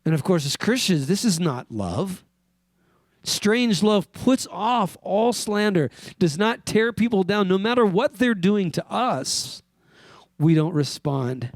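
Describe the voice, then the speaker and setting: A man from Wyoming preaching a sermon as pastor, in an earnest, conversational way, asking the congregation questions and dropping softly on key words. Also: fairly high pitch, no echo.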